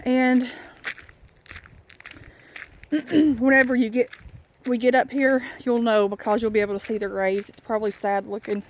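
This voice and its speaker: On a rural dirt road, a vlogger records a walking video, chatting candidly in a rambling, folksy way. Her voice is on the high side with little pitch movement, at normal speed with frequent pauses, and the country recording is noisy with clear outdoor sound.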